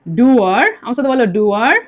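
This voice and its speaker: With a fairly high voice and a fairly quick pace, a Bengali woman runs an English grammar class. She drills the students and has them respond out loud.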